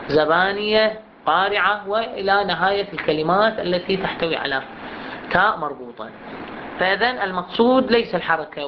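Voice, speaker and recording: A teacher giving a classroom lesson who asks the class questions and slowly stretches out example words to demonstrate them. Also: mid-range voice. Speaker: teacher of Quran recitation rules. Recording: dull lo-fi recording with clear background noise.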